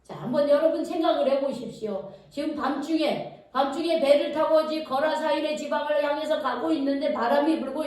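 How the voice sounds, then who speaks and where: Preaching in a church sanctuary, a woman with a high-sitting, slightly mellow voice tells a vivid story and stops to quiz the congregation. The hall is echoey and the microphone is far away.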